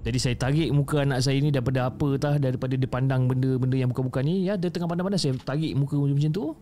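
A man's voice: mid-range voice, steady tone, quick pace, dark tone, a little hiss or hum. A man with a Malaysian accent reading a listener's horror story in a chatty, conversational way, often addressing the listener by name.

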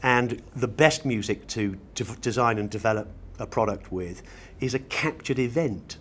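This interview captures a middle-aged British loudspeaker designer speaking spontaneously and articulately, in ornate language, about his craft. His mid-range voice is husky yet a bit bright, at a moderate pace, and the noisy ambience of a large glass-roofed exhibition showroom surrounds him.

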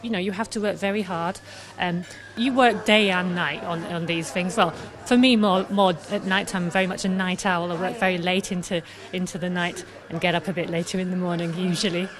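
There's a crowd audible behind this young Scottish artist as she's interviewed live in a busy pub, speaking with enthusiasm and lots of fillers into a handheld mic the host holds. She has a lowish, steady voice and a brisk delivery.

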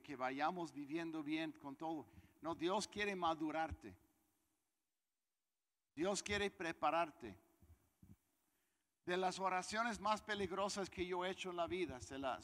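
Bright-voiced preacher in a reverberant hall. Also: male voice, on the high side. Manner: conversational preaching with questions to the congregation. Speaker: pastor. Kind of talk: sermon.

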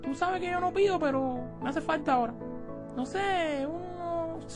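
Young cartoon Cuban man, very high squeaky voice, hotheaded, whiny, music behind. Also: normal speed. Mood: pleading. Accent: Cuban Spanish. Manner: whiny pleading, then yelling in a rage. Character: excitable heartbroken young man, broke and hotheaded. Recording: music playing underneath.

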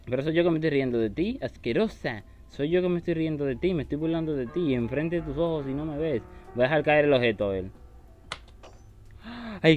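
A man's voice: on the high side, dull audio. A man commenting on a horror game he is playing, taunting the enemy and shrieking when startled. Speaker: gaming YouTuber.

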